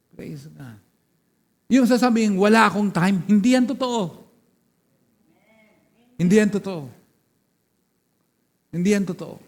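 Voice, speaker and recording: A high-pitched, warm male voice belongs to a pastor delivering a sermon in a church hall. He calls out questions and praise to the congregation, and the sound trails with long church reverb.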